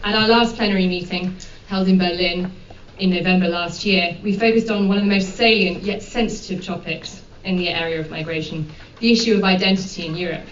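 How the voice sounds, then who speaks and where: A woman moderator opens an event with formal introductions, pausing often on ums and uhs. She sounds set back from the microphone in a reverberant room. The recording is dull, with a faint hiss underneath. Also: on the low side, fairly even intonation. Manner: measured, with frequent ums and uhs. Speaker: panel moderator. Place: conference room. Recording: dull, echoey hall from far off.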